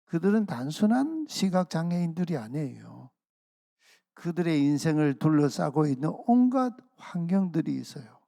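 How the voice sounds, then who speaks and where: Male pastor, sermon voice, gravelly, dry close sound, earnest with slowed emphasis. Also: a little high, very animated, warm tone, dry recording. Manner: earnest preaching, slows and stresses key phrases. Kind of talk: sermon at a dawn prayer service. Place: church sanctuary.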